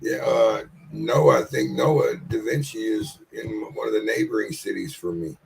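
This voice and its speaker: A man's voice: on the low side, normal speed, creaky, husky, low-quality recording. A man in his late forties hosting a casual interview, laid-back and encouraging, with frequent swearing. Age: 40s. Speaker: podcast host interviewing. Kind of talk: casual chat.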